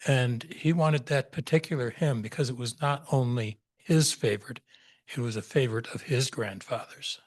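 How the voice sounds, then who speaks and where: A man leading a memorial service, announcing a hymn in a halting, informal way. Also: mid-range voice, dry recording.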